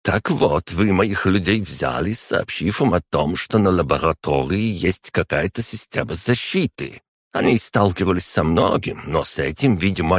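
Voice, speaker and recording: A haughty old alchemist who heads his guild speaks down to a younger man with cold scorn, as a male reader puts him on. The voice sits higher than the reader's own and is pushed louder, with a husky grain. It is a dry, close recording of a storybook reading. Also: no room sound, exaggerated voice. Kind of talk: audiobook character voice.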